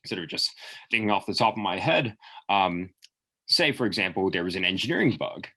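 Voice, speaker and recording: A man with a deep, husky voice gives explanatory answers as a job interview candidate. His pitch moves around a lot, and he feels his way through the explanation, thinking aloud and hedging as he goes. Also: lively intonation, brisk, bright, forceful tone.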